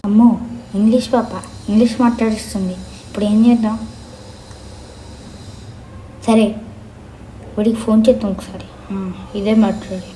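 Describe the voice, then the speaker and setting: A woman performing comic skit dialogue in an animated, bossy way. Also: medium pitch, brisk, roomy sound, a little hiss or hum, rough recording. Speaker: comedy sketch performer.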